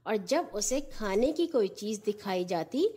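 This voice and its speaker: A woman's voice: mid-range voice, animated, a little slow, mellow, breathy edge. A woman narrating a scripted children's story as a storyteller.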